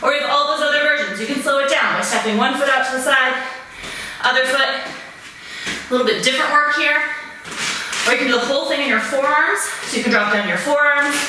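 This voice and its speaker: Female fitness coach, high-pitched, encouraging rhythmic cues, recorded from across a very echoey room. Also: a little fast, sharp tone. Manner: encouraging, rhythmic short commands like a swim coach. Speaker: fitness instructor leading a home interval workout. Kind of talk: exercise class coaching, cueing moves. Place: small home gym room, indoors. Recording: very roomy echo, distant mic, faint noise.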